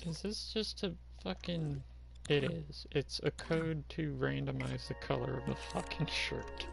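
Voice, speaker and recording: A man's voice: fairly high pitch, a little slow, vocal fry, over music. A man giving casual stream commentary while working on a game, dry and sarcastic, swearing as he goes.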